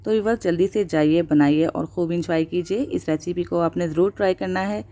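A woman with a low, dark, mellow voice talks viewers through a recipe in a voice-over. Her delivery is steady and instructional, peppered with blessings. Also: a little fast. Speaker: cooking channel host. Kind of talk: voice-over cooking tutorial.

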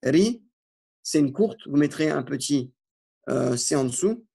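Man, Arabic teacher, patient, repeats himself, slightly high voice, classroom lesson. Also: lively intonation, measured pace, vocal fry, mellow, husky. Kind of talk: classroom lesson explaining exercises.

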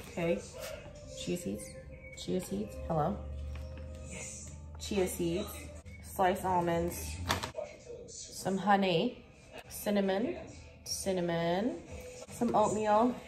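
Woman, late twenties, casual kitchen vlog, blunt and profane, phone camera on the counter, clear background music. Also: mid-range voice. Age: late 20s. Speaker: vlogger. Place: small apartment kitchen, indoors.

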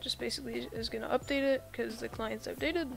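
Faint music plays behind this casual screen-recorded tutorial, where a woman who makes YouTube videos guides viewers through setting up a computer one step at a time. Her gravelly, fairly high voice sounds sick and a bit off, and she talks fairly quickly with mostly even intonation.

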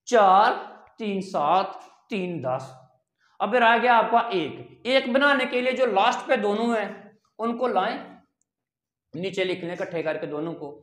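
A language teacher explains step by step, asking questions and then answering them. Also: mid-range voice. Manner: counts and repeats items slowly. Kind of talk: step-by-step online language lesson. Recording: roomy echo.

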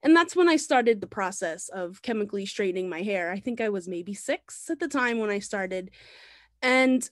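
A woman's voice: medium pitch, expressive, normal speed, no echo, studio quality. A woman in her thirties, raised in the Bahamas, gives an easygoing slide talk over a video call, with many ums and restarts. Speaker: visiting artist giving a talk. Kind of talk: presenting slides in a lecture.

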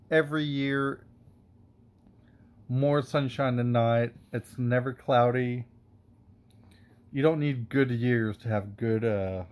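A man vlogging, rambling and getting heated, with many fillers and curses. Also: medium pitch. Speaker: wine reviewer and vlogger. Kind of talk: casual rant to camera.

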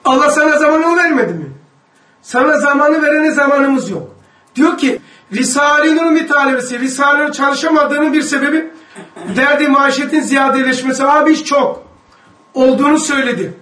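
A man leading a religious study lesson, reading aloud from a book and commenting emphatically, at times raising his voice to a shout. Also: very high-pitched, normal speed. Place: indoor room with a group of students. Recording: echoey room, mic far off.

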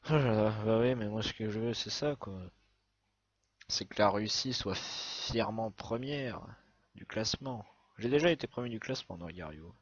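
A man with a low, husky voice gives a casual let's-play commentary, jumping between excited outbursts and swearing at other players. His recording sounds dull and lo-fi, as from a cheap home microphone. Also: moderate pace. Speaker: gaming video host.

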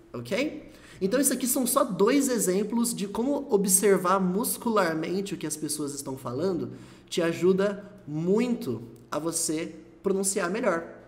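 A man from Brazil giving a casual video lesson on English pronunciation, lively and repeating example words slowly to demonstrate. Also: high voice. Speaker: English teacher.

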